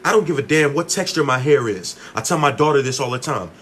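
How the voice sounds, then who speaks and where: A man's voice: mid-range voice, expressive, quick pace, fairly bright tone, a little hiss or hum. A man talking casually on a phone livestream, answering comments in an emphatic, fiery, preachy way.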